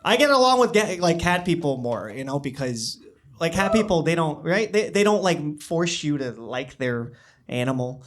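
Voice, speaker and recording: A young man working a stand-up set in a small comedy club, holding a handheld mic. His delivery is dry and understated, full of halting little restarts. His pitch swings widely and sits a touch high for a man. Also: lively intonation. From born in China, raised in the US. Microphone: handheld stage microphone.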